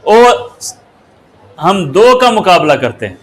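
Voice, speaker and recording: A man teaching English grammar, asking the class questions as he goes and spelling words out slowly. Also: high voice, very animated. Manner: slow and deliberate, asks the class rhetorical questions and spells words out. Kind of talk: grammar lesson.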